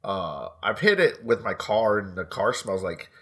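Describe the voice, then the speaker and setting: A man's voice: on the low side, big pitch swings, measured pace, sharp tone, breathy edge. A man co-hosting a casual podcast chat, asking questions, swearing casually and laughing. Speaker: podcast co-host.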